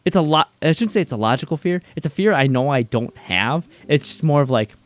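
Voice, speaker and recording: A male streamer telling stories in casual chat while gaming, animated and swearing freely. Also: fairly high pitch, a little fast.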